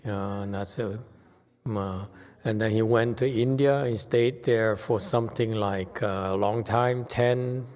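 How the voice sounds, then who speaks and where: A man giving an informal explanatory lecture as a Buddhist teacher, halting often as he searches for words. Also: on the low side, fairly even intonation, darkish tone. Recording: long reverberant hall sound.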